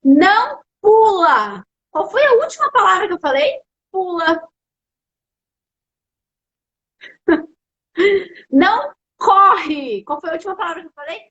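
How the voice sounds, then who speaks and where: A young adult Brazilian woman with a high, bright-sounding voice talks straight to her viewers. She explains child-rearing tips in a lively live-stream chat, recorded on a webcam or phone mic. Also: dull audio. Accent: Brazilian Portuguese. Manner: animated and explanatory, addresses viewers directly. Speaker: educational psychologist hosting a parenting live stream. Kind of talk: casual live-stream advice talk.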